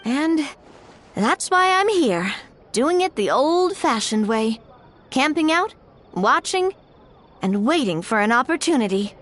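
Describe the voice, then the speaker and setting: Game role: principled young heroine, high, lively intonation, courteous, composed, firm. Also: female voice, a little slow, full character voice. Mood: weary, explanatory. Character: poised, principled, friendly young woman leader. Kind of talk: animated game voice acting.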